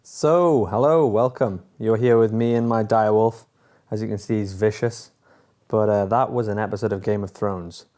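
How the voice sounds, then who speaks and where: Man vlogger, low and mellow voice, loose and jokey, fillers everywhere. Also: steady tone, normal speed. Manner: chatty and joking, with many fillers. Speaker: TV episode reviewer. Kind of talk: casual chat to camera.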